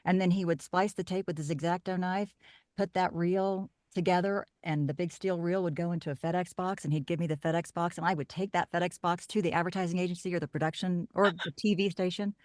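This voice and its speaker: A middle-aged woman from Oklahoma, a voiceover artist telling her story in a casual podcast chat, lively with animated asides. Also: lowish voice, fairly quick, no echo, clean studio sound.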